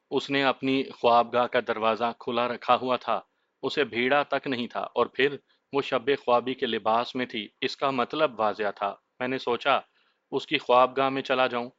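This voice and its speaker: A man narrates a suspense story in a steady, literary way, his voice bright and forward. The sound is close and dry, with no room around it. The recording is a little dull. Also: medium pitch, dry recording. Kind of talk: scripted narration of a horror story.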